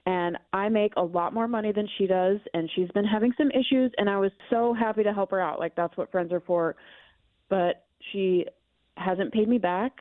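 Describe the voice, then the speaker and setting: A woman's voice: medium pitch, steady tone, normal speed, no room sound. A woman heard over speakerphone on a radio show, talking reluctantly and uneasily about an awkward matter with a friend. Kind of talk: phone call on a morning radio show. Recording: tinny phone line.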